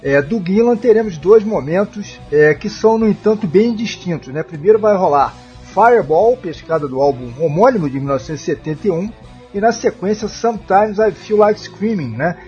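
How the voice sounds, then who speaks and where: A man hosting a radio music show, introducing tracks in a relaxed, conversational way. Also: sits high, normal speed. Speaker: radio host. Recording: muffled sound with faint music.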